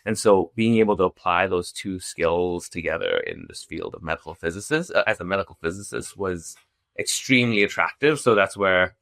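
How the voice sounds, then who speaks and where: Speaking low and briskly with a slightly bright tone, the Zambian businessman keeps the interview casual, repeatedly restarting and filling pauses. The middle-aged founder's audio is studio-grade, free of any room sound.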